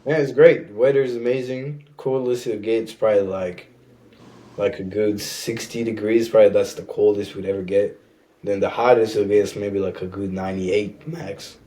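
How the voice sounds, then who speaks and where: With a lowish, warm voice and a steady tone at normal speed, this young adult from Rwanda talks casually as a podcast guest. He speaks a Rwandan language natively plus French and keeps dropping "you know what I'm saying." There's a slight hiss or hum.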